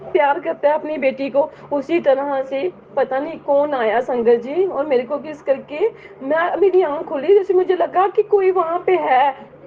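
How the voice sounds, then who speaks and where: A middle-aged woman giving an earnest personal testimony to a congregation, often addressing her listeners directly. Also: high voice. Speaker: devotee sharing a testimony. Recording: tinny phone-like audio, faint hiss.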